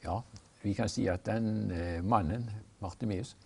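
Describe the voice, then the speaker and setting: A male preacher in an earnest, measured Bible discussion, explaining and telling stories. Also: lowish voice, creaky, breathy edge. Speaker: preacher, guest.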